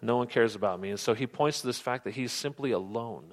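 A man preaching a sermon, earnest, often dropping to soft, low tones for emphasis. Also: quick pace. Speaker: pastor.

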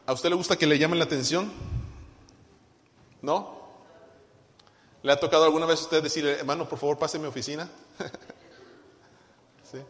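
Pastor guy, fairly high voice, preaching in a church hall with a long echo. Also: steady tone, moderate pace, pauses often. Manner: swings from loud emphatic to soft and quiet; asks the congregation questions. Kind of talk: sermon.

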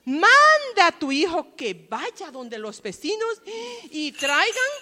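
A woman voicing a calm male prophet giving instructions. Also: very high voice, slow pace, long reverb tail, heavily acted. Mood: instructive.

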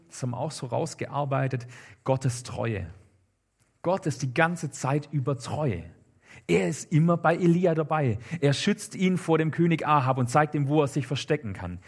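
A man's voice: fairly high pitch, husky. Man casually retelling a Bible story. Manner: casual, lively storytelling with fillers. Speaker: preacher.

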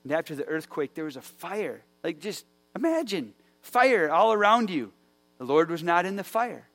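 At a moderate pace, a male pastor gives a sermon that feels like conversation, full of fillers and restarted sentences. He pitches a little higher than the typical man and stays relaxed in tone even as he narrates with energy.

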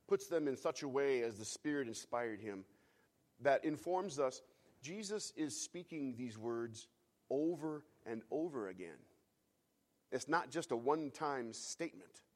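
A man preaching a sermon, moving from quiet reflection to fervent, emphatic climaxes, repeating key phrases. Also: mid-range voice. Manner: builds from hushed reflection to fervent, loud climaxes; repeats phrases for emphasis, some restarts and fillers. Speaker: pastor.

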